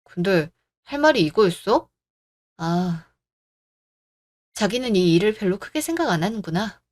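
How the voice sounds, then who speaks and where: A woman's voice: medium pitch, expressive, measured pace, close to an everyday voice. A woman voicing a young wife in a radio drama who is tired and aggrieved, polite at first and then firm. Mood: resolute.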